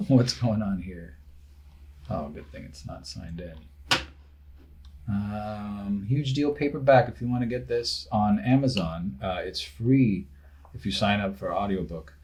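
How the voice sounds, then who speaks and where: A man's voice: fairly low pitch, measured pace, a little mellow, slight background noise. A man in his thirties co-hosting a podcast, joking around and mockingly reading book blurbs aloud. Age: 30s. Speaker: podcast co-host. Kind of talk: casual chat.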